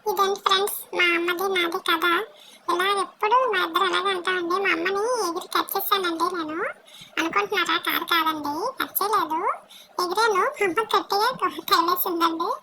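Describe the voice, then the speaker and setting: A chatty young male pet dog, voiced by a woman, speaks in a very high, childlike squeak. He talks fast and complains to the viewers. The home recording carries a lot of background noise. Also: steady tone. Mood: chatty complaining.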